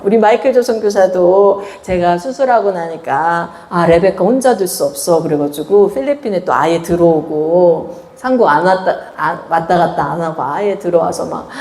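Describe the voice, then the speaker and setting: A woman missionary giving a lively testimony, acting out quotes with a raised voice and laughter. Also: medium pitch, echoey room. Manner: animated storytelling, acts out quotes with raised voice and laughter. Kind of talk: testimony sermon.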